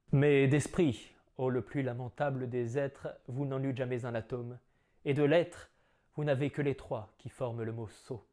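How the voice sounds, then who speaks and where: A man's voice: a little high, darkish tone, close to an everyday voice. A man playing a proud, witty swordsman-poet in a hammy, theatrical verse monologue. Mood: scornful. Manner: hammy, theatrical stage declamation. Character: proud, witty male swordsman-poet declaiming about his huge nose.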